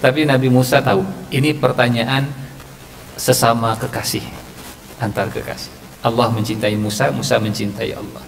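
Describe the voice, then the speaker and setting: A man's voice: mid-range voice, little pitch movement, normal speed, creaky, slight background noise. A man giving a humorous mosque sermon, acting out quoted dialogue in raised voices. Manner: acts out quoted dialogue in raised voices, mixes Sundanese phrases. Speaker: preacher giving a mosque study session. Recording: long hall reverb, faint ambience.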